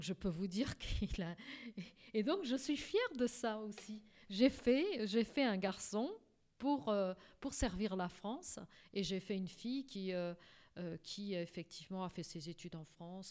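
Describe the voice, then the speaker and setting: A middle-aged woman from Portugal answers interview questions about her life. She talks haltingly, with frequent fillers and repeated words. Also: mid-range voice, lively intonation, darkish tone. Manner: hesitant, many fillers and restarts. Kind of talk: personal life story interview.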